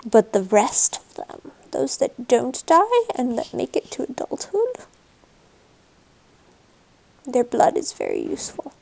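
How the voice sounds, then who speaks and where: A woman narrating as game master of a tabletop game over a video call, calm and matter-of-fact. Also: fairly high pitch, moderate pace, vocal fry, poor audio.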